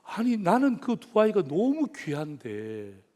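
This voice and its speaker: High, lively-voiced male pastor preaching. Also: a little slow. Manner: animated storytelling with direct questions to the congregation. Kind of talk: sermon.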